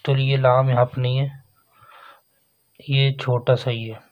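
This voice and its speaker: A man teaching a children's Urdu writing lesson, naming each letter slowly and repeating it as he writes. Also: mid-range voice, flat delivery. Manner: slow, repeats letter names and "theek hai" while writing. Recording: dull lo-fi sound.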